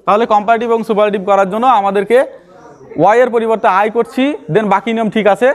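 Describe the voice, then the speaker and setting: Male teacher, high-pitched, patient step-by-step grammar explainer. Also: level tone, fast talker. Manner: explains step by step, repeats key terms and quizzes the viewer. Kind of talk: classroom-style grammar lesson.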